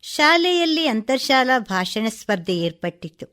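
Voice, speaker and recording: A woman reading a short story aloud for radio in a measured, expressive way. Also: high voice.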